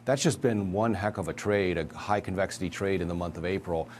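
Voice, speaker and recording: A man giving a measured, analytical market view as a guest in a financial news interview. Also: sits low, darkish tone, slight background noise. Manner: measured, analytical, emphatic asides.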